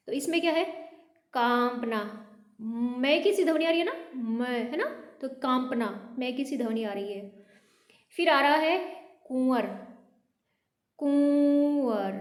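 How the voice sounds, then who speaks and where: A woman teaching Hindi pronunciation, patiently repeating each word slowly for her learners. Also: high-pitched, roomy sound. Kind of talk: classroom lesson on pronunciation.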